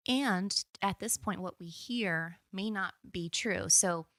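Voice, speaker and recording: A woman's voice: mid-range voice, slow, a bit bright, no room sound. A woman co-hosting a podcast, explaining ideas in casual conversation and thinking aloud with small restarts. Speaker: podcast co-host.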